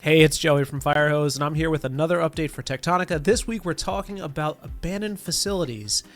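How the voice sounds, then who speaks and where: Stuffy with a cold, a slightly gravelly guy in his 30s rambles through a casual game dev update as the studio's community manager, talking fast in a fairly high pitch with plenty of fillers. He records on a desk podcast mic in a neon-lit home studio; the sound is dry and clean, with guitar music underneath.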